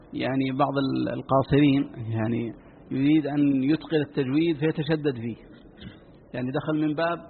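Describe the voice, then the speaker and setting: A man, a sheikh teaching Quran recitation, answers listeners' written questions in a measured way, with many "I mean" fillers. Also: mid-range voice, gravelly. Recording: tinny phone-like lecture recording with faint hiss.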